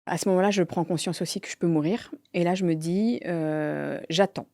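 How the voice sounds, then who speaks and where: A woman, telling her own story candidly, halting with many fillers and sometimes dropping to a near-whisper. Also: fairly low pitch, creaky, mellow, no echo, clean studio sound. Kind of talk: personal testimony.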